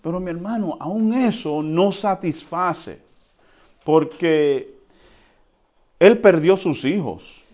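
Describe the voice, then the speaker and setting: A man preaching a sermon in a conversational way, often checking in with the congregation and swinging between quiet and loud. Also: on the high side, slow pace, long pauses. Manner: lively swings between soft and loud, with chuckles. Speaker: pastor.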